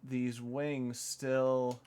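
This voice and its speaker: A young male vtuber talks through his game in a relaxed, unhurried way. His voice is smooth and resonant, and his middle-pitched chatter wanders into rambling, self-deprecating tangents. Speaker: vtuber streamer. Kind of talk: casual chat while gaming.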